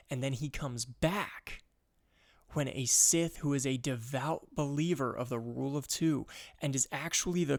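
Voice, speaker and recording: A man's voice: fairly high pitch, darkish tone, no echo, clean studio sound. A man hosting his channel, rambling through a fan theory in a casual, joking, self-mocking way. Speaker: channel host.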